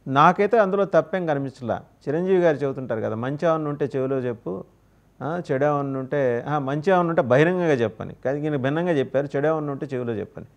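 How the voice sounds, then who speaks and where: A male debate anchor with a high voice who talks quickly. He presses his panelists and cuts in on them to move the debate along. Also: expressive. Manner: interrupting, pressing guests. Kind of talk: moderating a heated panel debate.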